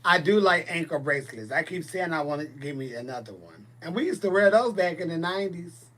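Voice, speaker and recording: Speaking fairly quickly in an expressive voice on the high side, this livestream host has a sharp tone. He's a man in his forties, chatting casually and giving blunt, sassy replies to viewer comments.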